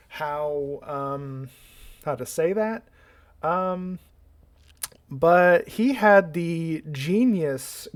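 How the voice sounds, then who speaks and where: A man with an American accent giving casual YouTube commentary, halting with many fillers and dry sarcasm. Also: a little high.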